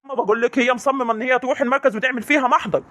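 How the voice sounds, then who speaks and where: A man's voice: very high voice, fairly even intonation, very fast, fairly bright tone. A man with an Egyptian accent playing an angry young husband who demands answers from his family in a comic drama. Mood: indignant. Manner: indignant, demanding.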